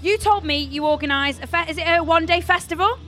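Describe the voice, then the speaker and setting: A woman's voice: extremely high pitch, fast, fairly bright tone, faint music behind. A woman with a Stoke-on-Trent accent interviewing someone in a chatty, effusive way as a podcast host. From Stoke-on-Trent, England. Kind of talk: casual interview chat.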